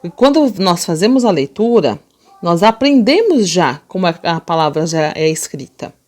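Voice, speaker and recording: A woman teacher with a Brazilian Portuguese accent, explaining a lesson to young children and slowly sounding out words. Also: fairly low pitch, very animated. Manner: slow, drawn-out sounding out of words; gentle, patient explaining to children. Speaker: primary school teacher. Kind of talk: remote class lesson.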